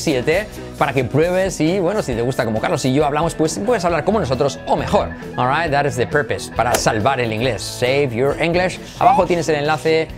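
A middle-aged man from Spain with a Spanish accent, teaching English in a lively, jokey way and switching between English and Spanish. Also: on the high side. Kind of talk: bilingual language lesson.

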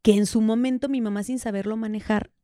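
A woman's voice: fairly high pitch, steady tone, fast, mellow, no room sound, clean studio sound. A Mexican woman in her thirties co-hosting a podcast, telling personal stories candidly and acting out quoted dialogue. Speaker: podcast co-host. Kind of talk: casual podcast conversation.

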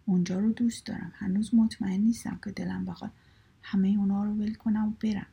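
A woman's voice: mid-range voice, level tone, vocal fry, slightly rough. Woman whispering a sly teasing sister. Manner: soft whispered delivery. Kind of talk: whispered story reading.

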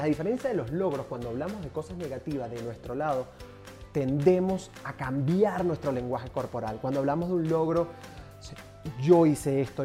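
A man speaks as a career coach in an energetic online tutorial. He drives points home by repeating words and speaks straight to his viewers. Soft background music plays faintly underneath his voice. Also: fairly high pitch. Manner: emphatic, repeats words for stress, addresses viewers as "señores".

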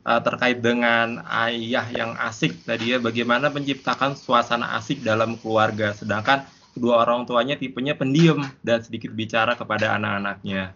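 A man's voice: medium pitch, steady tone, moderate pace, pushed and bright. A man moderating a religious talk, politely summing up audience questions, on a dull recording with faint background noise.

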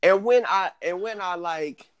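A man's voice: high voice, unhurried, smooth, no room sound. A man co-hosting a podcast, bantering casually in slangy, profane frat-bro talk. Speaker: podcast co-host.

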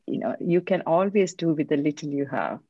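Woman from sri lanka, very low mellow voice, soft and thoughtful, slightly muffled lo-fi sound. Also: animated, breathy edge, no echo. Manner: soft-spoken, reflective, measured. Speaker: guest, leadership coach. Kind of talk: interview answers, personal story.

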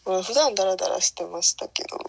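A woman in her late teens chatting casually and politely, often with soft laughter. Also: on the low side, fast, vocal fry, slightly rough. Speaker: guest looking back on high school. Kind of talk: casual chat, polite to an elder.

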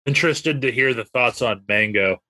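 Male co-host, bright mid-range voice, casual podcast chat, somewhat hesitant, thinking aloud. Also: medium pitch, moderate pace, no room sound, low-quality recording.

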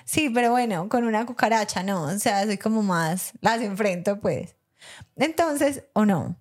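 A woman's voice: mid-range voice, unhurried. A young Colombian woman co-hosting a podcast, telling a story with lots of laughter and acted-out lines. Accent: Colombian Spanish. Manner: animated, laughs often, acts out her own past lines. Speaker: podcast co-host. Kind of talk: casual storytelling chat.

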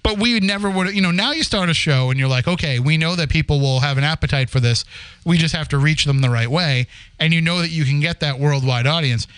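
The recording is dry and low in quality, carrying a slightly high, a little fast, fairly bright and smooth male voice. He is a podcast host in his forties from the Boston area, telling the show's story chattily and rambling, often laughing and starting over.

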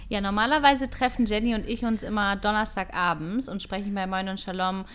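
A woman in her thirties from Germany, co-hosting a casual podcast chat in a lively, earnest way. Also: mid-range voice, fairly quick, clear, resonant tone. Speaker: podcast co-host.

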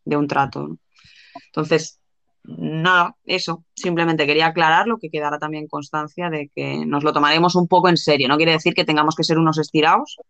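Woman co-host, bright, dry sound, halting delivery. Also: low-pitched, no room sound, dull audio. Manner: hesitant, many fillers and restarts. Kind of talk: casual live podcast chat.

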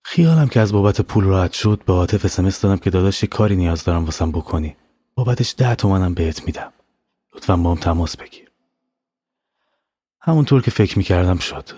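A man narrating a scripted horror story in a steady, matter-of-fact way. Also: deep voice, breathy edge, no echo, studio quality. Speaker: narrator and writer.

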